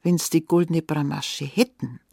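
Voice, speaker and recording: Lady telling it as a polite bavarian farm boy, low husky voice, eager. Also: fairly even intonation, unhurried, dark tone, no echo, studio quality, heavily acted. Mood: polite, curious. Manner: eager, courteous. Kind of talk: storytelling.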